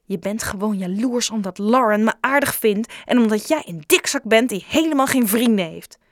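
A woman's voice: fairly high pitch, expressive, normal speed, no echo, lightly acted. Snappy angry schoolboy as a woman reads him, curt delivery, very dry close sound. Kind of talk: audiobook character voice.

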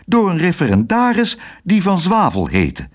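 A man reading aloud, voicing a flustered nurse in a high, wailing falsetto. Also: wildly swooping pitch, moderate pace, exaggerated voice. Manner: wailing, desperate, high-pitched. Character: shrill flustered middle-aged nurse woman.

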